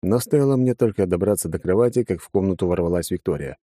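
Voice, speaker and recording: Low, mellow male audiobook narrator. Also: fast, no echo, clean studio sound. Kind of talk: first-person fantasy audiobook narration.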